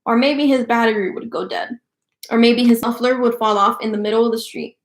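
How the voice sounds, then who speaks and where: Woman, children's book read aloud, lively storytelling, fairly high voice, roomy echo. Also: fairly quick. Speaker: book club reader.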